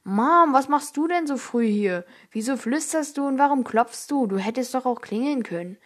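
A woman voicing an excitable, cheerful young boy who talks brightly and eagerly in a storybook reading. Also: on the high side, normal speed, lightly acted. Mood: excited.

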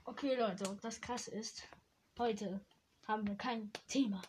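A woman's voice: mid-range voice, fairly even intonation, a little slow, a little mellow, a little hiss or hum. A teenage girl co-hosting a podcast, chatting casually and keeping her friend on track between laughs. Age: teens. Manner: bossy, laughing, keeps the show on track. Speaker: podcast co-host. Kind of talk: casual chat.

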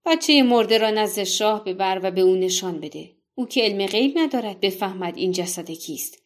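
A woman's voice: mid-range voice, lively intonation, natural voice. Lady putting on a laughing shepherd, blunt and mocking, storybook tale. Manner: scoffing, amused, blunt.

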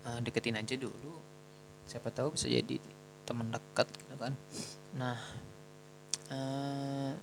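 A young man tells a story from his own life in a loose, chatty way, full of slang and jokes at his own expense. His low, gravelly voice stays at an ordinary middle pitch, and a faint hiss sits under the recording. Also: poor audio. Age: young adult. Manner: chatty, slangy, self-mocking. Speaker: student telling a personal story. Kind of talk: casual storytelling.

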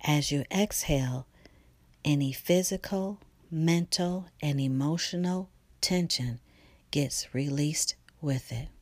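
Very slow, soft-spoken meditation guide woman. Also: low-pitched, no echo. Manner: soft, slow, partly whispered delivery.

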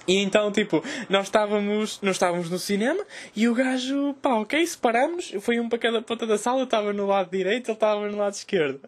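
A young male host with a European Portuguese accent tells an animated, crude comic story, letting out loud cries when retelling scenes. His voice sits noticeably high, and he rushes along at a rapid pace.

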